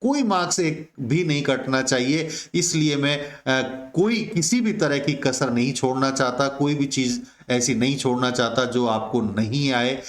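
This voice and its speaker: A man teaching a poem to students in Hindi, speaking slowly and repeating points, calling them his dear friends. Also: medium pitch. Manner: slow, repetitive, addresses students as my dear friends. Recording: echoey room.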